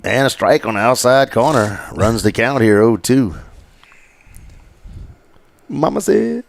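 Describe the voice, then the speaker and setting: A man's voice: lowish voice, normal speed, a little hiss or hum. Man, local baseball announcer, casual joking commentary, reads sponsor lists. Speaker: play-by-play announcer.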